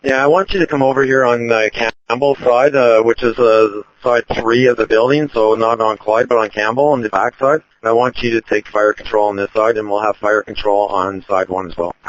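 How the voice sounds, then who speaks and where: A man's voice: on the low side, steady tone, brisk, hardly any pauses, no room sound. A man acting as incident commander, giving urgent firefighter radio orders in a directive way over a two-way radio. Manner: directive, repeats information back. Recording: dull, dry two-way radio.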